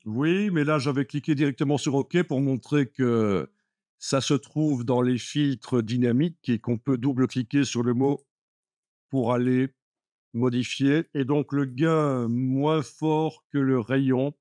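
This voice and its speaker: A man's voice: medium pitch, fairly even intonation, slow, dark tone, no room sound, clean studio sound. Patient French-speaking man teaching Photoshop. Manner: patient, repeats steps, many "euh" and "voilà". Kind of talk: live classroom software lesson.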